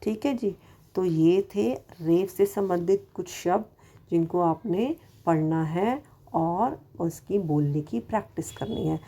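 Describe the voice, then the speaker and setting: Slow patient woman teaching a lesson. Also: on the low side, warm tone. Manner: slow, patient, asks questions and answers them herself; repeats words carefully to show their sound. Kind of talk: recorded Hindi lesson for children.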